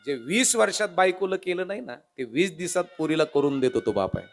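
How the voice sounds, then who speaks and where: Emotional preacher. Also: male voice, on the high side, lively intonation, brisk, noisy background. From Maharashtra. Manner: dramatic, emotional, swings between loud and hushed; addresses the audience directly. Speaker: kirtan preacher. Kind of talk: humorous devotional sermon.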